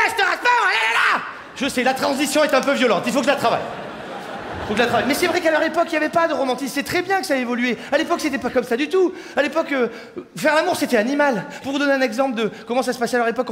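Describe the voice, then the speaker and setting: In a large hall, a young man performs a rowdy, crude stand-up set and banters with the audience. His voice is extremely high-pitched and somewhat bright, with slight background noise, live hall reverb and faint crowd ambience.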